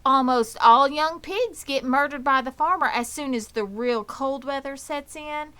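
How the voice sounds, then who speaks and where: A woman's voice: high-pitched, a little slow, bright, forceful tone, pitched above the performer's own voice. A woman voicing a grim, knowing old female sheep in a children's storybook, blunt and snappish. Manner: matter-of-fact, snappish. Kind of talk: children's storybook character reading.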